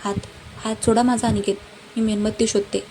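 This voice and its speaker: A woman's voice: fairly high pitch, a little fast, close to an everyday voice. A woman voicing a flustered but stubborn young woman who scolds sharply, over a noisy background.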